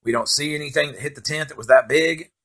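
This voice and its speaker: A man's voice: fairly high pitch, quick pace, fairly bright tone, breathy edge. A middle-aged man telling a rambling, heavily profane story from his youth, laughing at himself as he goes. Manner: rambling, heavy swearing, laughs at own story.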